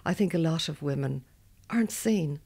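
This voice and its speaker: Gravelly-voiced outspoken Irish woman in her seventies. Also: deep voice, expressive, normal speed, darkish tone. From Ireland. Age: 70s. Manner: outspoken, talkative. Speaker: roundtable guest. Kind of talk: casual discussion.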